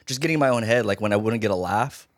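An American podcast host from Hawaii and Las Vegas chats casually in a lowish voice at a quick pace, using slangy, profane, bro-heavy language.

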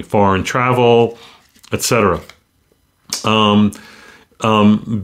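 Halting male doctor talking shop. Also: fairly low pitch, fairly bright tone. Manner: halting, conversational, hesitant with many pauses. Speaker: physician hosting a medical show. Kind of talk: casual clinical talk.

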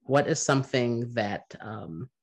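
Podcast host, man, easygoing interview voice, lots of ums. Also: mid-range voice. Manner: relaxed, halting with many fillers. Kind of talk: casual interview.

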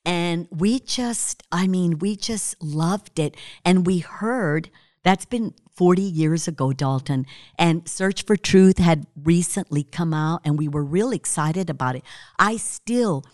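A woman's voice: deep voice, no room sound, studio quality. A woman, telling the story of her life in an interview and laughing often.

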